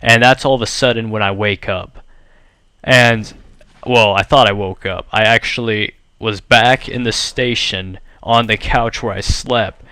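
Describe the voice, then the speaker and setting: A man's voice: on the low side, steady tone, unhurried, pushed and bright, smooth, no echo. A young man chatting casually over gameplay, telling a story in a rambling way full of "like" and "you know.". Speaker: gaming channel host.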